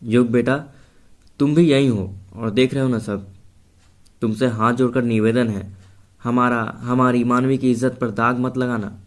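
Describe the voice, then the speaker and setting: A man voicing a loving, protective old grandmother who speaks softly and pleadingly. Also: mid-range voice, fairly even intonation, unhurried, lightly acted. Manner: soft and pleading.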